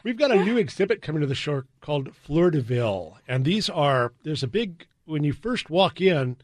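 American man, flat vowels, slightly high voice, dry close sound, folksy casual radio guest, halting phrasing. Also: no echo. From US West Coast. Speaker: guest, garden show organizer.

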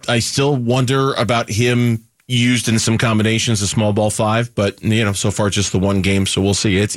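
A man's voice: medium pitch, no echo, studio quality. A man co-hosting sports talk radio, emphatic and repetitive, restarting his sentences often. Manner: emphatic, repeats himself, many restarts.

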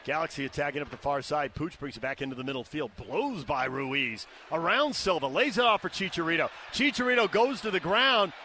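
A man's voice: on the high side, animated, a little fast, hardly any pauses, pushed and bright. An American man doing live play-by-play soccer commentary in short, clipped descriptions of the action, over stadium noise. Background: outdoor stadium ambience.

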